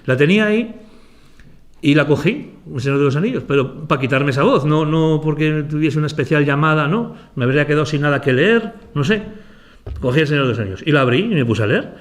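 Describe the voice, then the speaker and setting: A man's voice: a little high, lively intonation, brisk. Man giving a conversational talk. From Aragon, Spain. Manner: conversational, addresses listeners directly, rhetorical questions. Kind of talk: motivational talk to students.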